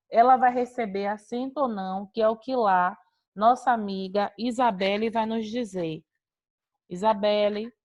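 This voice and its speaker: A woman's voice: a little high, darkish tone. A woman teacher giving an online class over a video call, explaining patiently, repeating points and calling on students by name.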